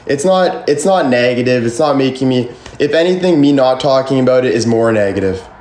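A man's voice: medium pitch, expressive, a little fast, a little mellow. Young man, twenties, livestream rant, defensive, swears a lot, echoey bedroom, faint room hum. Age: 20s. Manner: defensive, rambling, emphatic, swears freely. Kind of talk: casual livestream venting. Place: bedroom with ceiling fan, indoors. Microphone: phone camera at arm's length.

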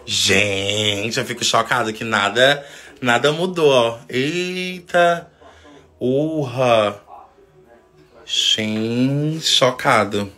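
A man's voice: mid-range voice, drawn-out words, bright, forceful tone. A man, chatting playfully in a casual vlog with camp, exclamatory teasing. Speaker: vlogger.

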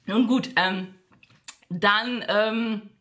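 A woman's voice: very slow, fairly bright tone, a little hiss or hum. A woman telling a personal story to her viewers in a casual monologue, acting out the quoted dialogue and addressing the audience with frequent fillers. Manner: acts out quoted dialogue with shifts in pitch. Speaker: vlogger.

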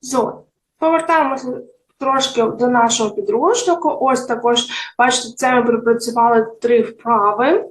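A woman teacher, giving a slow, clear German lesson for young children and stressing the German phrases. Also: fairly high pitch, roomy sound, poor audio.

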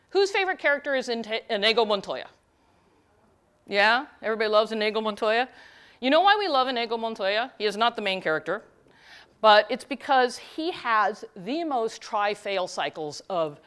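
A woman giving a conference talk, retelling a story with quick, animated asides. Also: on the high side, clean tone. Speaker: conference speaker; teacher.

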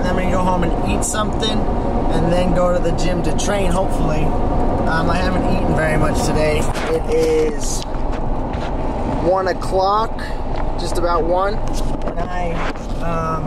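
A man's voice: a little high, very noisy. A young man in his twenties vlogging casually to a handheld camera, chatty and matter-of-fact, correcting himself as he talks. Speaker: fitness vlogger and coach. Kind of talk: casual vlog narration to camera. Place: car, home and gym. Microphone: handheld camera close to face.

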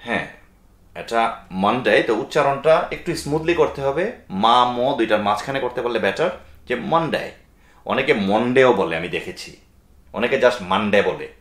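A man's voice: mid-range voice, lively intonation, fairly quick, long pauses. A man giving a spoken English pronunciation lesson, explaining step by step, spelling out letters and mixing in English phrases. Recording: roomy echo.

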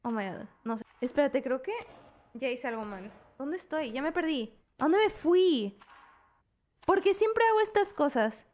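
A woman's voice: sits high, animated, a little slow, a little mellow. A young woman streaming a horror game, jumpy and exclaiming at scares while talking to her chat. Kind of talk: gaming commentary.

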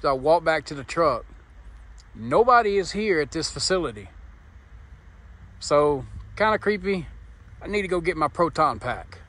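Talking casually to his viewers for a vlog, a man who drives trucks records outdoors at night by the roadside on a handheld phone. He has a sharp tone with big pitch swings, speaks at normal speed and pauses often, while a truck engine rumbles and outdoor vehicle noise sits clearly behind his voice.

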